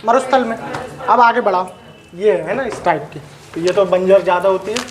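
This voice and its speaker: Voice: mid-range voice, normal speed, a crowd in the background. A teacher giving a live classroom lecture, dictating notes and regularly asking the students questions and whether they have doubts. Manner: quizzes students and checks for doubts.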